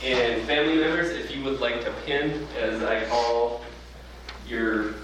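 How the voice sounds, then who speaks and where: A man acting as a fire district training officer, speaking at a public board meeting. He reads an oath line by line for others to repeat, talking in a halting way with ums and restarts. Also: mid-range voice. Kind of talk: formal ceremony address at a public board meeting. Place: large meeting room. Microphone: distant from the microphone. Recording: echoey room recorded from far off, with noise.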